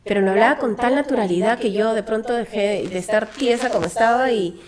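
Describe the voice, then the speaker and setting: A woman's voice: fairly high pitch, a little fast, crowd noise. Earnest Peruvian woman telling a story. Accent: Peruvian Spanish. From Peru. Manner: earnest, reflective, with frequent fillers and restarts. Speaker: guest, founder of a children's hospice. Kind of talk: conversational interview storytelling.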